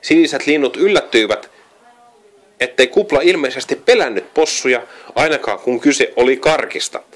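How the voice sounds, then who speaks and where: A man's voice: medium pitch, lively intonation. A man reading a children's storybook aloud, often stumbling and correcting himself. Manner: frequent slips and self-corrections while reading. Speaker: reader.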